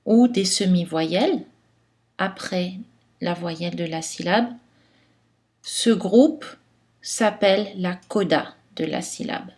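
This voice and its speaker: A woman giving a scripted phonetics lesson, articulating each word carefully and clearly. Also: medium pitch, darkish tone. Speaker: phonetics teacher.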